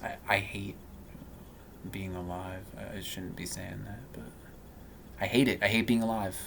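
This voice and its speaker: A man in his thirties talking in a personal vlog monologue, halting and rambling with many fillers and restarts. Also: lowish voice, flat delivery, vocal fry, a bit bright, slight background noise. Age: 30s. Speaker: vlogger.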